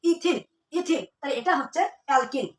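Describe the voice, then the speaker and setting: A woman's voice: high voice, lively intonation, a little fast. A woman teaching a chemistry lesson to students, asking questions and then answering them herself, repeating the key terms. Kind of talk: classroom lesson. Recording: echoey room, mic at a distance.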